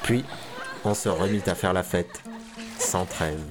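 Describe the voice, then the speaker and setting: A man narrating a tale in a measured, expressive reading. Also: sits low, over music. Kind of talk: storybook reading.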